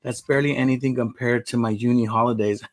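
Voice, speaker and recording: An American man hosts a live stream, chatting casually and rambling along in an easygoing way. He talks fast in a steady, medium-pitched voice, and the recording is dry and poor in quality.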